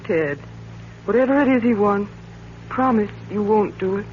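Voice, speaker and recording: An actress playing a wife who can be teasing, evasive or pleading, in 1940s radio thriller style. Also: female voice, medium pitch, normal speed, lightly acted. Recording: dull old radio recording with hum.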